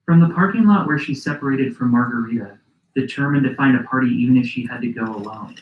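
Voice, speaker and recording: A man hosting and narrating a documentary podcast in a measured, reflective scripted style. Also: medium pitch, echoey room, a little hiss or hum, poor audio.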